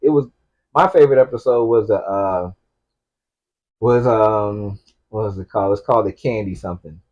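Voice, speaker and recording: A man co-hosting a casual podcast chat, talking in a relaxed, rambling way, often repeating himself and restarting his sentences. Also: fairly low pitch, normal speed, dull audio. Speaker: podcast co-host. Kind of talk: casual chat about TV shows.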